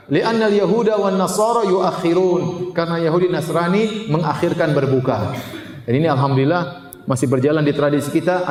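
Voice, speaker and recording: A man giving a lively Islamic sermon, joking with listeners and quoting Arabic. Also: a little high, slight background noise. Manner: lively, jokes with the audience, quotes Arabic. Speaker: Islamic preacher. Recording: echoey hall with long reverb.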